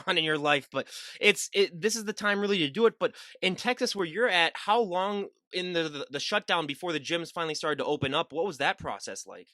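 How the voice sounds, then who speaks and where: A young man hosting a podcast talks quickly and emphatically in a fairly high, bright voice. The sound is dry and close, with no room echo. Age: young adult. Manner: fast, emphatic, with repeated "I mean". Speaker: podcast host. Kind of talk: casual interview chat.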